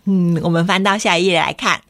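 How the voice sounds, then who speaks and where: A woman's voice: lowish voice, steady tone, brisk, fairly bright tone, no room sound. A woman storyteller reading a picture book to young children, guiding them with frequent questions. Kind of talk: interactive picture-book read-aloud for children.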